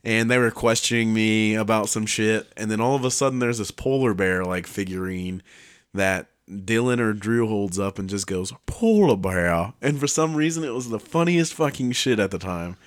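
A young man with a fairly low voice joking crudely on a casual podcast. He teases his co-host and laughs often while telling old stories. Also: normal speed, clean tone. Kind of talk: casual chat.

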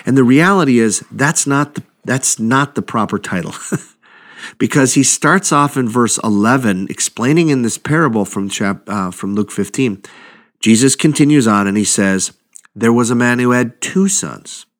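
A man preaching a sermon, retelling a parable in a lively, conversational way and acting out the characters' lines. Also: medium pitch, moderate pace. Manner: animated storytelling, acts out quotes, conversational asides.

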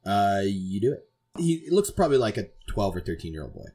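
A man's voice: fairly low pitch, sing-song, brisk, warm tone, breathy edge. A man narrating as game master for a tabletop game in a casual, chatty way. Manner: casual, laughing, filler-heavy narration.

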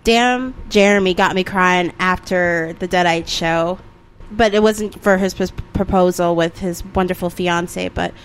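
A woman's voice: on the low side, a little slow, hardly any pauses, clear, resonant tone. A woman chatting casually as the co-host of a podcast. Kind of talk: casual chat.

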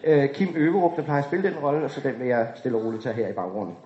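A man narrating and directing an amateur radio play, calmly explaining the scenes, in a dull, echoey room recording. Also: mid-range voice. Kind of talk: reading stage directions.

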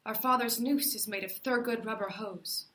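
An actress playing a femme fatale daughter in a comic noir radio drama, with a melodramatic manner. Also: female voice, fairly high pitch, moderate pace, bright, forceful tone. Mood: earnest, composed. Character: breathy, melodramatic femme fatale, grieving daughter of a murdered man.

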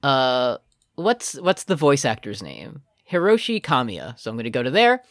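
A man's voice: mid-range voice, normal speed, dry recording, clean studio sound. A man co-hosting a podcast, recapping an anime in casual, joking chat. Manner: lively, joking, exclaims loudly when excited. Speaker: podcast co-host.

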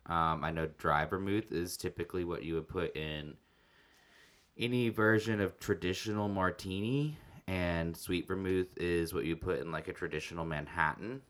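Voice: low-pitched, steady tone, moderate pace, a bit bright. A podcast co-host who tends bar, talking in a blunt, sarcastic way and swearing freely. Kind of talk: casual podcast chat.

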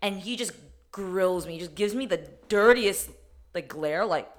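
Animated woman telling a story with swearing. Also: medium pitch, a little slow. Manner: animated, swears a lot, acts out quoted lines. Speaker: podcast co-host. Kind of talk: casual storytelling chat.

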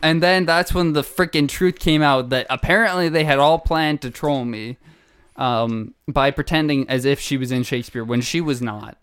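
A young man co-hosting a podcast, telling a story in a casual, animated way with laughs and acted-out quotes. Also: on the high side, normal speed, smooth. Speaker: podcast co-host.

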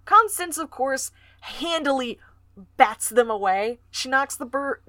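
A woman's voice: high voice, expressive, a little slow, sharp tone, no room sound, clean studio sound. A woman co-hosting a podcast, chatting casually and recapping a book's plot, swearing now and then. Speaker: podcast co-host. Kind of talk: casual book discussion.

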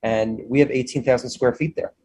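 A man's voice: mid-range voice, fairly even intonation, fairly quick, darkish tone. A man speaking as an interview guest about his own business in an enthusiastic, effusive, conversational way.

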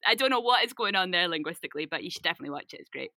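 A woman's voice: on the low side, racing, no room sound, clean studio sound. A woman, hosting a podcast and telling stories in casual chat, with lots of fillers. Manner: chatty, animated storytelling with many fillers. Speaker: podcast host.

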